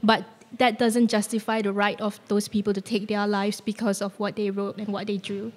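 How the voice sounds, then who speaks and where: A woman's voice: mid-range voice, level tone, normal speed, in a large hall. A young woman from Malaysia, a student, answering street questions earnestly and with some hesitation. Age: young adult. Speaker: student interviewee. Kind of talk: casual vox-pop answers.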